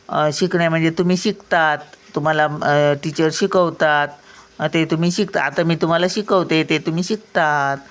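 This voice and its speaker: Slow, patient older woman teaching words. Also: sits low. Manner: patient, explains each word with homely examples. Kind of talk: slow vocabulary lesson for children.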